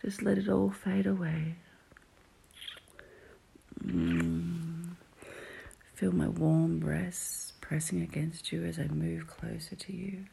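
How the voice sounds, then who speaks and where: A woman performing an intimate whispered roleplay audio, teasing and murmuring softly in a low whisper. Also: little pitch movement, slow pace, creaky, long pauses, a little hiss or hum.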